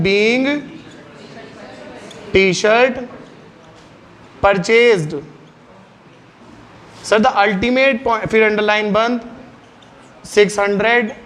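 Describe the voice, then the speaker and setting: A man teaching a classroom lesson, drilling his students with quick questions and getting them to answer out loud. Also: high-pitched.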